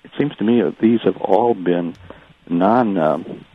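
A man calling in to a radio show over a clipped phone line, speaking in a measured, halting way with many pauses. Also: deep voice. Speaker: radio call-in caller. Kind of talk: call-in radio comment. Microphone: telephone.

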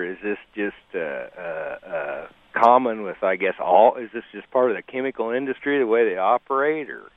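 A man who farms calls in to a radio talk show over the phone, halting and hesitant, with lots of fillers. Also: lowish voice, dry recording. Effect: call-in voice over a phone line. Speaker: radio show caller, a farmer. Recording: tinny phone line.

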